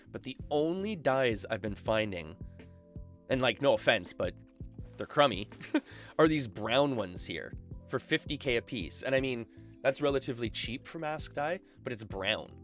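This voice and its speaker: Canadian man, game streamer, casual rambling chat, headset mic, middle pitch, faint music behind. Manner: chatty, lots of fillers and laughs.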